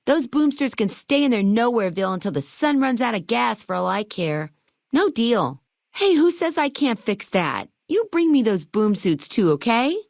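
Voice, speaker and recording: This video-game shopkeeper is young, high-pitched and bubbly, with a theatrical, sassy sing-song delivery full of retro slang and wide pitch swings at normal speed. Her tone is a bit creaky and darkish, recorded close and dry with no room sound, as she shifts from annoyed and dismissive to eager.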